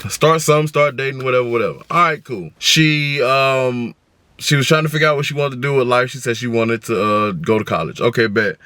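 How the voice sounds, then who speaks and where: A young American man tells a story as an animated rant in a mid-pitched voice. His delivery is casual and slangy, acting out both sides of the exchanges, and the sound is dry with no room echo. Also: clean tone. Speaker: storytime vlogger.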